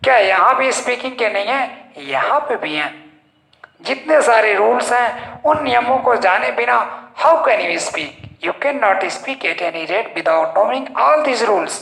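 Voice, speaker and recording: A male English teacher giving a slow, explanatory grammar lesson in Hindi, posing rhetorical questions and answering them himself. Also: very high-pitched, lively intonation, creaky, pushed and bright. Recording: echoey room.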